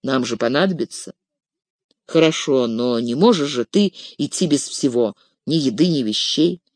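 Reader putting on a low-voiced tired hobbit, resolute, gently stern, dry close sound. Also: lively intonation, moderate pace, no echo, natural voice. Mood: resigned. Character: weary, resolute male hobbit on a grim quest. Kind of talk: audiobook character reading.

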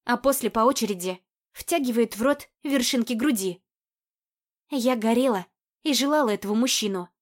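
A woman narrating a first-person romance audiobook in an intimate, even, unhurried reading. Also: on the high side. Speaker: audiobook reader.

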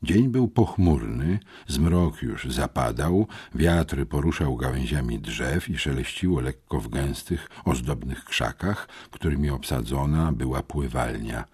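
A man narrating a children's adventure audiobook in an expressive, dramatic storytelling manner. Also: a bass voice, unhurried, few pauses, breathy edge, no room sound, studio quality. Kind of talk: scripted first-person storybook narration.

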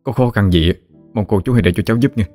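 A man's voice: lowish voice, very fast, dark tone, soft background music, lightly acted. A male storyteller voicing a polite, eager young man.

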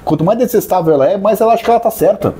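A man's voice: high voice, racing. A man co-hosting a podcast in casual chat, ranting and joking. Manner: ranting, animated, jokey. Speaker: podcast co-host.

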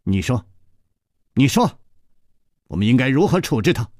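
A man's voice: medium pitch, sing-song, moderate pace, darkish tone, no echo, studio quality, pitched above the performer's own voice. A male storyteller voicing a haughty, vicious palace disciple in a cold, sneering manner.

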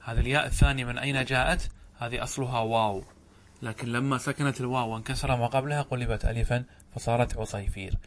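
Deliberate male Arabic grammar teacher. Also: medium pitch, steady tone. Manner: slow and deliberate, repeats and stretches out example words, asks the class questions. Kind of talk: classroom lesson explaining a text.

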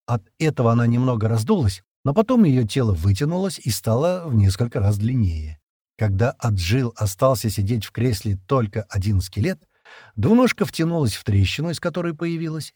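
A man narrating a science fiction story in an expressive, dramatic reading. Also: medium pitch, breathy edge, no room sound, studio quality. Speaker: audiobook narrator. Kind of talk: scripted sci-fi narration.

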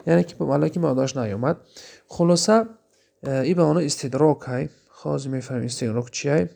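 Gravelly-voiced man teaching grammar. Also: fairly high pitch, dark tone. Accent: Tajik. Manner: explaining, asks questions then answers them; recites Arabic examples slowly. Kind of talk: Arabic grammar lesson.

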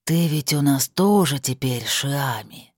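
A cruel invisible spirit with a husky, breathy voice, taunting and scornful in every word, as a woman puts him on for an audiobook. He drags his words out slowly, in a dry, close-miked read. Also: very deep voice, animated, no echo, heavily acted. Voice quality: husky, slow and drawn out. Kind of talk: audiobook narration.

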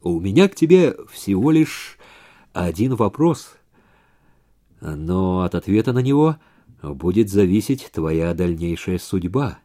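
A man's voice: deep voice, a little slow, pitched below the performer's own voice, heavily acted. A man voicing a hissing sinister stranger. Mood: menacing. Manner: hissing, menacing, calm. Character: sinister cold male stranger, killer.

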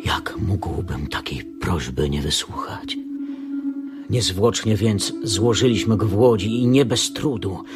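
A man's voice: on the low side, slow, loud music behind the voice. An actor playing a grief-stricken young son who tells of his father's death and accuses his mother, with impassioned delivery in a radio drama. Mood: grim, mournful. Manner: impassioned, rising to fierce outbursts.

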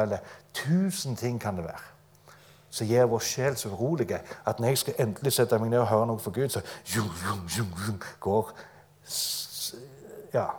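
A man's voice: on the low side, a little mellow. Folksy man preaching to a live congregation. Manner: conversational and folksy, with light humor. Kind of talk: informal live sermon. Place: church gathering before a live audience.

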